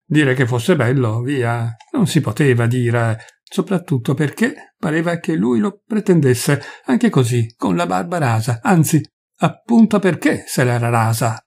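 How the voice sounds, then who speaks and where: Male narrator, husky timbre, mid pitch, measured expressive audiobook reading.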